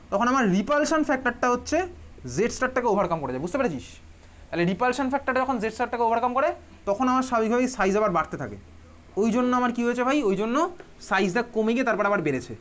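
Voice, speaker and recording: Bengali-accented male teacher, rapid and chatty, quizzing the class, dull lo-fi room recording. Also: very high-pitched, lively intonation, fairly bright tone. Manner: quick, chatty, teasing students and asking questions. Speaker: chemistry teacher. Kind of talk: classroom lecture.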